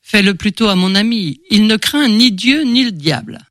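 A mocking male journalist who knows his history, in a storybook reading voiced by a woman. The voice is mid-pitched with a wry, knowing tone. Dry and close. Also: lively intonation, normal speed, fairly bright tone, dry recording, natural voice.

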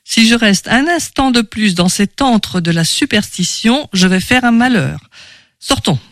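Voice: mid-range voice, expressive, unhurried, fairly bright tone, no room sound, clean studio sound. A performer voicing an impetuous male journalist in an audiobook, talking in an indignant, scornful way. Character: hot-headed male journalist, scornful skeptic. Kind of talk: audiobook character reading.

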